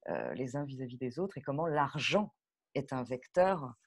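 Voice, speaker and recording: This woman's voice is extremely low-pitched and husky, and she talks at a moderate pace. A guest director on a panel, she speaks casually and spontaneously, full of animation and tangents.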